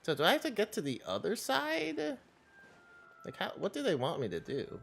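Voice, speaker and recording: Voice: medium pitch, huge pitch swings, moderate pace, creaky, a bit bright, breathy edge. A game live streamer chatting casually in a bubbly, cutesy, playful way. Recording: faint music behind. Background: faint game music.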